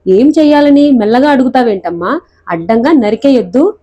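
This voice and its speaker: A woman voicing a gruff, blustering older landlord who scolds a tenant in a storybook reading. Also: on the high side, expressive, a little fast, dark tone, muffled recording. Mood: indignant.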